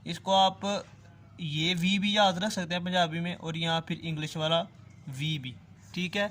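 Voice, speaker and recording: Patient man teaching, slightly high voice. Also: steady tone, a bit bright. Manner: patient, repeats sounds slowly, checks with "okay?". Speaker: Korean language teacher. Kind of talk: online language lesson.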